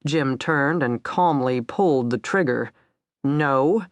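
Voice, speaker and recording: A woman narrating a dark crime thriller audiobook, tense and steady, voicing every character herself. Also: very deep voice, takes it slowly, no room sound.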